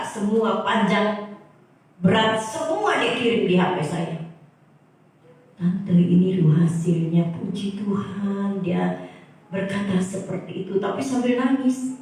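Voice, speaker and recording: A woman preaching a sermon to her congregation, speaking emphatically and often exclaiming. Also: mid-range voice. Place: church hall. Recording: echoey hall, far from mic.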